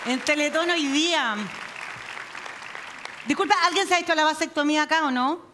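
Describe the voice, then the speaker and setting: A woman's voice: sits high, normal speed, crowd noise, background noise. A Chilean woman performing a live stand-up set, joking crudely in slang and teasing the audience. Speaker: stand-up comedian.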